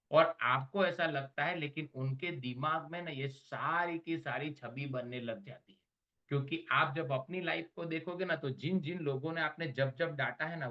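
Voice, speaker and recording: A man's voice: a little high, highs cut off. A man giving a motivational business training talk, emphatic and mixing English slogans into his explanations.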